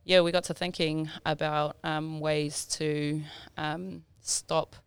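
A woman in her thirties with a South Auckland Māori New Zealand accent chats informally as a podcast guest in a casual interview, mixing te reo Māori words into her English. Her deep voice is slow and flat in delivery, with a clean tone and no echo.

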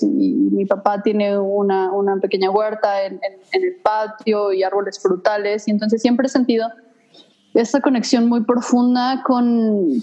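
A woman from Mexico City speaks in a relaxed, unscripted chat with a Mexico City accent. She talks thoughtfully and searches for her words, filling pauses with hesitant little sounds. Her pitch sits in the middle of a woman's range. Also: highs cut off. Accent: Mexico City Spanish. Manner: thoughtful, hesitant, many fillers. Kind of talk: casual conversation.

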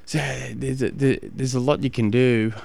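A man with an Australian accent giving casual coaching advice as a podcast host, halting and often repeating phrases as he explains. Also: mid-range voice, little pitch movement, dark tone, dry recording.

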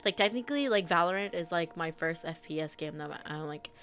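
A woman's voice: sits low, expressive, fairly quick, fairly bright tone, soft background music. A young woman in casual chat about games, giggly and loose, swearing now and then.

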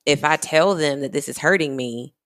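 A woman's voice: sits low, moderate pace, fairly bright tone. A woman in her thirties telling a heartfelt personal story in casual podcast talk, full of "you know" fillers.

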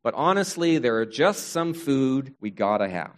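A preacher mimicking whining, grumbling Israelites. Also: male voice, mid-range voice, very animated, moderate pace, close to an everyday voice. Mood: petulant. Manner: mocking, whining complaint. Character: whiny grumbling crowd of ancient Israelites.

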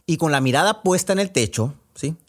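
A man's voice: a little high, lively intonation, a little fast. Man telling a story. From Sonora, Mexico. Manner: conversational with frequent fillers and restarts. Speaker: podcast storyteller. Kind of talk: oral storytelling.

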